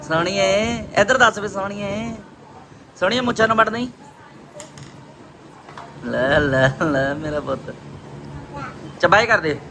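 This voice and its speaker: A man's voice: high voice, measured pace, pauses often. A man with a Punjabi accent chatting casually and playfully as he films a family vlog. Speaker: vlogger and father. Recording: loud ambient and vehicle noise.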